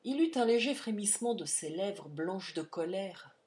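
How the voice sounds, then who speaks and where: A woman narrating a classic novel as an audiobook, in a measured, dramatic reading. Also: medium pitch, lively intonation, darkish tone.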